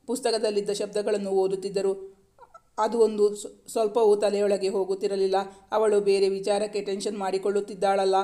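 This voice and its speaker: High, flat-voiced man reading a story. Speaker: narrator. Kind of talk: reading a romance story aloud.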